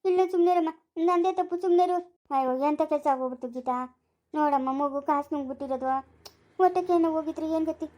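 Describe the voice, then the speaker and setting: A woman with a Chikkaballapura Kannada accent, loudly scolding in a rural family skit. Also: high-pitched, fast. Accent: Kannada, Chikkaballapura area. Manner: loud scolding village dialect.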